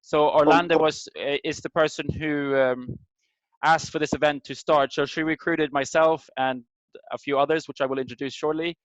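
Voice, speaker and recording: A middle-aged Swedish man informally hosts an online community meeting, fumbling for words as he welcomes and introduces people over a video call. His voice is fairly high with a steady tone at a moderate pace, and the dry recording carries the dull, lo-fi sound of a video call microphone.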